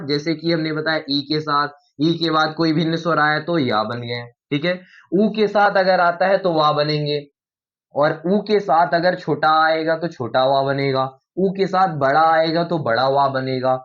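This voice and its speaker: A man teaching Hindi grammar at a board, explaining each rule and repeating the sounds aloud as he slows down over the examples. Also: a little high, a bit bright. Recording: muffled lo-fi recording.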